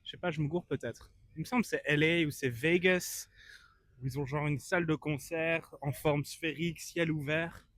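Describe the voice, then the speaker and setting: A man's voice: a little high, fairly even intonation, moderate pace, a bit bright, dry recording. A man chatting casually as a vlogger, informal and mock-earnest as he gives his opinions. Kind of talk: casual vlog chat. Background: faint guitar music.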